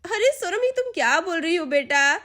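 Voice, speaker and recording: A patient, soft-spoken village mother with a very high voice, as a woman puts her on in a doll story. She speaks soothingly and kindly. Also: sing-song, normal speed, full character voice. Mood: gentle.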